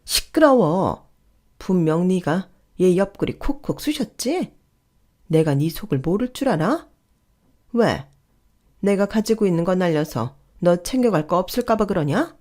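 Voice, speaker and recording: A woman's voice: fairly low pitch, expressive, unhurried, warm tone. A woman voicing a stubborn older mother-in-law who scolds sharply and dismissively. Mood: scolding.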